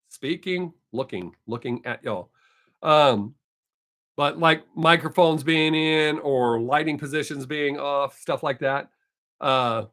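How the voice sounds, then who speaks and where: Hosting a live stream, a chatty older man with a drawl talks casually with his viewers, wandering off track and correcting himself. His voice is on the high side and fairly bright, though still not fully recovered.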